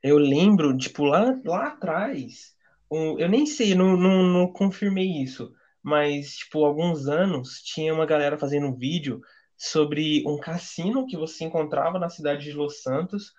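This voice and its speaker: A man's voice: fairly high pitch, normal speed, darkish tone, dull audio. A young man with a Brazilian Portuguese accent, chatting casually in heavy slang. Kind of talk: casual chat.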